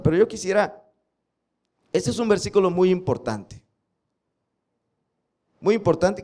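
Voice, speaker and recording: A man preaches a sermon. He drills scripture slowly and emphatically, pausing to throw rhetorical questions at his listeners. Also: on the high side, a little mellow. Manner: slow emphatic recitation of scripture, drilling the audience. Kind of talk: sermon with congregation recitation.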